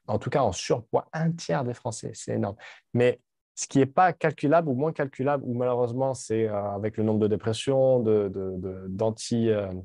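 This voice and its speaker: A man's voice: mid-range voice, normal speed, gravelly, dark tone, no room sound, studio quality. A man in his late thirties talking frankly and casually to camera, rambling with restarts and casual swearing. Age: 30s. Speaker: vlogger. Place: home in Dubai.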